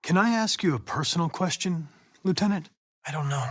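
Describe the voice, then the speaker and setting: Voicing a young American android detective in a video game, this actor gives isolated dramatic lines that are clipped, formal, precise, and measured, growing insistent under pressure. The character sounds detached and resolute, polite, composed, and fixed on the mission, though his husky, expressive voice swings widely in pitch. The audio is very dry and close, without any room sound.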